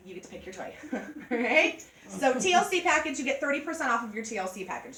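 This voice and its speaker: A woman giving a joking, animated sales demonstration to a group of women. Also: medium pitch. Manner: chatty, joking, animated storytelling. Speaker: party product consultant. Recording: echoey room from far off.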